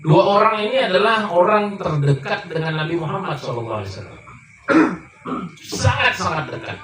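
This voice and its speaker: Male preacher giving a sermon, storytelling voice that climbs up high, echoey hall, far from the mic. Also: very animated, fairly quick, a bit bright. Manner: storytelling, rising high and emphatic. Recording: echoey room, mic far off, faint noise.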